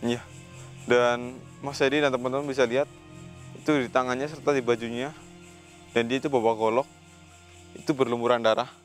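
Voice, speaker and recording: A man's voice: mid-range voice, fairly even intonation, a little fast, pauses often, soft background music. A man hosting a ghost-hunting vlog who sternly questions an unseen spirit and recites Islamic prayers between his questions. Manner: commanding, confronting an unseen spirit. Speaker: paranormal investigator host.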